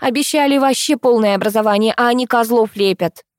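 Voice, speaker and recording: A brash rich mother shrieks her demands in a high, piercing voice, as a woman reader puts her on. She is crude, bossy and indignant, and the reading sounds dry and close. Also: moderate pace, a little mellow, no room sound, natural voice. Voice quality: shrill, shrieking. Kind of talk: audiobook reading.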